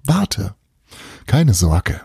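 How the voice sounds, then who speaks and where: A man reading a storybook, voicing a cheeky, playful boy who guides with breezy teasing and calm reassurance. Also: lowish voice, extremely slow, gravelly, breathy edge, no echo, clean studio sound, full character voice.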